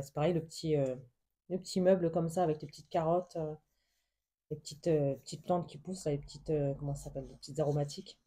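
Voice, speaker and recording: A woman leafs through a craft haul in a casual vlog, talking softly and hesitantly with many fillers. Her voice is very dark and mellow, with a husky, breathy grain. She gushes over every small detail. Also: deep voice. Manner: soft, hesitant, many fillers, gushing with endless diminutives. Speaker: craft vlogger. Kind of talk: casual show-and-tell of a book haul.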